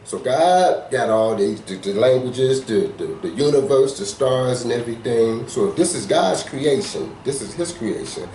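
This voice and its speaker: A man co-hosting a podcast, telling a story calmly and at a measured pace. His pitch is mid-range but moves in a lively way. He sits back from the mic in an echoey room, with a faint ambience behind him. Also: distant mic, a little hiss or hum. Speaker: podcast co-host. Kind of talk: casual podcast chat.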